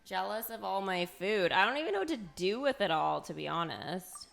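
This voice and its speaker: A woman streams a video game, reacting aloud and bantering playfully with viewers in casual livestream chat. Her mid-range voice is expressive, creaky and a bit bright, at normal speed, with a little hiss or hum in the audio.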